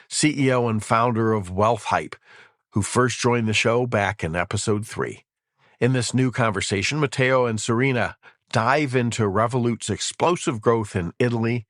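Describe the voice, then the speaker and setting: A man hosting a podcast, reading a scripted introduction in a measured, announcer-like way. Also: fairly low pitch, no room sound. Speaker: podcast host. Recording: dry studio voice with soft music behind.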